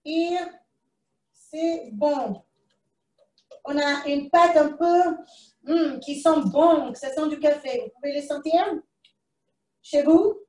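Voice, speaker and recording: A woman's voice: high-pitched, steady tone, slow, pauses often, warm tone, reverberant, recorded from a distance. A woman with a foreign accent in French presents a live cooking demonstration from a kitchen, chatting to herself as she works. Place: kitchen, indoors.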